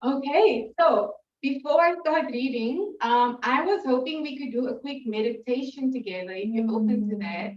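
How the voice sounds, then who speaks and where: A South African woman poet, speaking high-pitched and a little mellow at a normal speed with few pauses, warmly chats to her audience before reading at a literary event. She is informal, giggly and emotional. The echoey room and distant mic give a dull sound.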